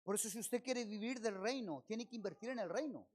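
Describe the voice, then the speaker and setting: A pastor with a Chilean accent preaches at a church service, firing rhetorical questions at the congregation and getting louder on key phrases. His voice is high and his pace fairly quick.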